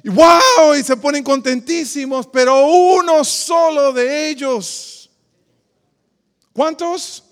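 Brief: male pastor, very high voice, preacherly, quizzes the flock, long church echo. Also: slow pace. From Dominican Republic. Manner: preacherly, asks the congregation questions, calls them "queridos". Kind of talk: sermon.

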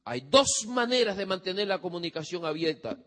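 A man's voice: high-pitched, big pitch swings, normal speed, fairly bright tone. A man preaching about parenting, telling a story and acting out the quotes while asking the audience questions. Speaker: preacher giving parenting advice. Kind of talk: sermon. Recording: long hall reverb.

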